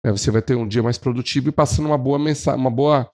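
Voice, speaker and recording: A Brazilian man talks through sales advice as a podcast co-host. He is lively and expressive, speeding up and slowing down and acting out what clients say, with a voice of ordinary middle pitch for a man. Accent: Brazilian Portuguese. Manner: animated, shifts pace and acts out clients. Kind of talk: casual advice talk on sales.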